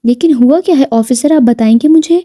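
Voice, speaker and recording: A woman's voice: high voice, mellow. A woman voicing a devoted, teasing husband who turns firm and insistent under arrest, in a storybook reading. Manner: teasing and tender, then firm when arrested. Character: devoted affectionate husband, teasing, wealthy businessman.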